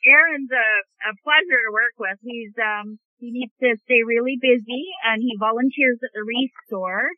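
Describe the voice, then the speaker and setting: A woman's voice: on the high side, normal speed, hardly any pauses, no echo. A woman joining an interview by phone, explaining things at length with frequent ums. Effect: heard over a phone line. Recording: tinny dry phone line.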